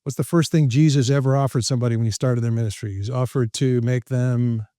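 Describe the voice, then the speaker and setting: Male motivational speaker as podcast guest: mid-pitched, animated, quick to joke, close and dry. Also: no room sound. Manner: lively, jokey, laughs at his own lines. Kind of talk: animated storytelling in conversation.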